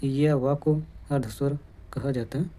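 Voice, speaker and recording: A man teaching an exam-prep grammar class, his voice very dark and mellow. He works through terms one by one at a steady, dictating pace, like a teacher reading notes to a class. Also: mid-range voice, slow.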